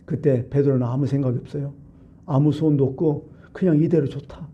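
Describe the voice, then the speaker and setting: A man pastor preaching a colloquial, lively sermon in a church, full of rhetorical questions to the congregation. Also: mid-range voice, brisk, highs cut off. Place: church sanctuary.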